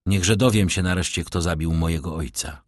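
A man voicing a distraught young nobleman who urgently pleads to learn who killed his father, with a husky voice. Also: low-pitched, moderate pace, dry recording, clean studio sound. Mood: pleading.

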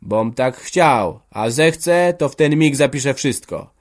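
A man voicing a domineering old peasant farmer who shouts scornful threats at his family. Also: mid-range voice, expressive, slow, pitched above the performer's own voice. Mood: angry shouting.

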